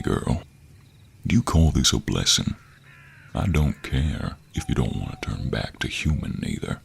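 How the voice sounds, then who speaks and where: In an intimate audio roleplay, a man plays a gruff, teasing cowboy monster hunter who has a gentlemanly streak. He drawls in a deep, gravelly, husky American cowboy accent, and the voice is exaggerated.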